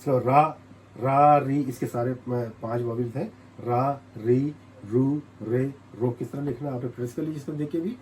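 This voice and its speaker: A man's voice: mid-range voice, fairly even intonation, a little slow, darkish tone, slight background noise, low-quality recording. A man from Pakistan with a Pakistani Urdu accent, teaching a step-by-step writing lesson and patiently repeating each sound as he writes. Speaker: language teacher.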